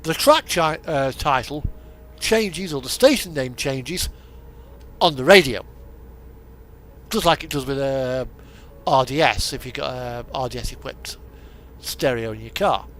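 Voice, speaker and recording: A streamer hosting a truck simulator video rambles through casual gameplay commentary, hesitant and meandering, in a medium-pitched male voice. His intonation is lively, his pace measured, and his tone fairly bright, with a little hiss or hum on the recording. Radio music and truck simulator game sound play behind him.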